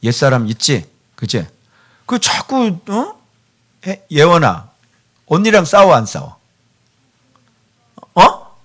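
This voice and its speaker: A man's voice: a little high, wildly swooping pitch, takes it slowly, long pauses, fairly bright tone. A male pastor preaching a sermon in a church, chatting with the children by name and sometimes dropping to a near-whisper. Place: church sanctuary.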